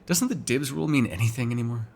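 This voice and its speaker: In an ASMR roleplay, a man voices a sardonic, foul-mouthed vampire who teases a single listener in casual conversation. His mid-range voice is gravelly and darkish, and he talks fast, sarcastic and swearing freely.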